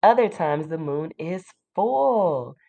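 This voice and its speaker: Reading a children's book to a class, this teacher pauses to give simple explanations and quiz the young listeners. Her voice is low-pitched, expressive, and gravelly, with phone-quality sound.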